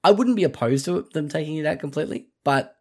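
A man's voice: on the high side, animated, fast, a little mellow, slightly rough. A man co-hosting a casual video game podcast, talking in a loose, rambling way with many restarts. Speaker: podcast co-host. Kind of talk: casual chat.

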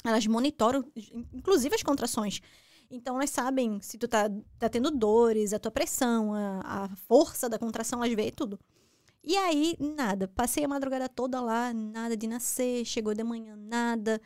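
A young Brazilian woman with a Brazilian Portuguese accent, a talk show guest telling her story in animated, casual conversation with frequent restarts. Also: a little high, normal speed, no room sound, clean studio sound.

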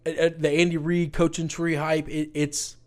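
A man's voice: a little high, little pitch movement, darkish tone. A man co-hosting a podcast in casual sports chat, opinionated and often talking over his co-host. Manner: opinionated, talks over his co-host, quick bursts of emphasis.

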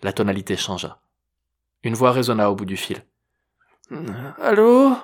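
A man narrating a novel chapter in a measured, even reading voice. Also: on the low side. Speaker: audiobook narrator. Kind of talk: scripted narration.

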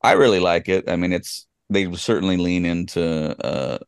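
A man's voice: deep voice, moderate pace, creaky, clear, resonant tone, no room sound, studio quality. A man co-hosting a podcast, talking in a loose, rambling way with lots of fillers and restarts. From California. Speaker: podcast co-host. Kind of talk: casual chat.

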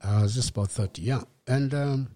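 Kenyan man in his fifties, interview guest; relaxed, reflective storytelling with a dry, close sound. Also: mid-range voice, dry recording. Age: 50s. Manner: reflective, unhurried, slips in Swahili words. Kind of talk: personal storytelling in a podcast interview.

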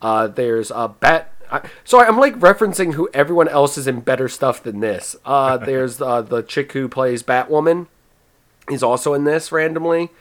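A man hosting a casual movie podcast, summarizing the plot with quick, stumbling restarts. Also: mid-range voice, a bit bright. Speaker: podcast host presenting the movie.

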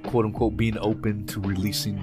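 A man's voice: on the low side, level tone, a little fast. A man co-hosting a podcast, chatting casually in loose, profane, laughing banter. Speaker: podcast co-host. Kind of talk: casual chat. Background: guitar music.

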